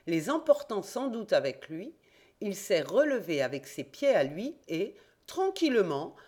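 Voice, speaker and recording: A woman reading an audiobook, voicing an eager, confident young male reporter-detective in a raised, excited voice. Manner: excited, emphatic, raised and higher voice.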